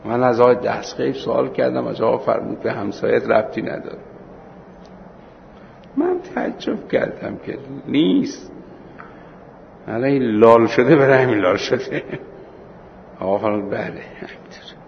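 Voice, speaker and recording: Gravelly man teaching a seminary class. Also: medium pitch, fairly even intonation, highs cut off, a little hiss or hum. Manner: storytelling, acting out dialogue, slows for points of law. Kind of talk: Islamic law lesson with anecdotes.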